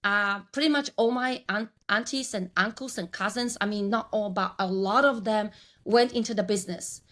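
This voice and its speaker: A branding coach from Poland, in her forties, guests on a podcast interview and reflectively tells the story of her career, frequently restarting. She has a Polish accent and a slightly bright, mid-range voice at a moderate pace.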